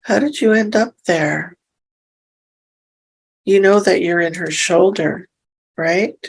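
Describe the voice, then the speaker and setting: A woman leading a hypnosis session, speaking softly and reassuringly as she gently asks questions. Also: on the low side, creaky, breathy edge, rough recording. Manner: soft, slow and soothing, reassuring. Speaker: hypnosis practitioner.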